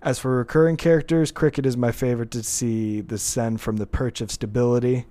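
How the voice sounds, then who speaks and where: A man's voice: medium pitch, fairly even intonation, brisk, warm tone. A man hosting a casual podcast, chatting about a TV show and reading listener comments aloud. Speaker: podcast host.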